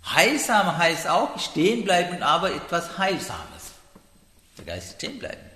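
In a big, reverberant hall, a male Buddhist teacher gives a dharma talk, his sentences broken and hesitant. He keeps checking in with the audience by asking "Ja?", and his intonation swings animatedly between high and low.

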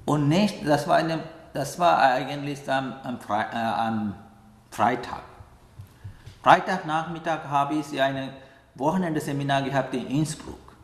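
Slow, halting man in an echoey room. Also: medium pitch. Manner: halting, searching for words, frequent questioning "ja?". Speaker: meditation teacher who accompanies the dying. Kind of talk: calm reflective interview answer. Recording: echoey room with long reverb.

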